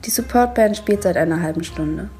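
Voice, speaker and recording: A woman's voice: fairly low pitch, a little fast, dark tone, faint music behind. A woman giving a scripted diary reading in a dry, matter-of-fact storytelling manner. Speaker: diary columnist.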